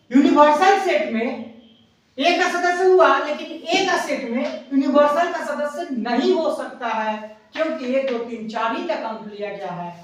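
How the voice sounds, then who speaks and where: A woman teaching an exam-prep maths lesson at a board. She explains step by step, repeats herself and counts numbers aloud slowly. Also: sits high. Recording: echoey room, voice far from mic.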